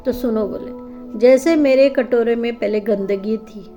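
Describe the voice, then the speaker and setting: Brief: a woman speaking as a patient old holy man, high voice, faint music underneath. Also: measured pace, close to an everyday voice. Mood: instructive. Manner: patient, gently instructive. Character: calm wise male saint, older.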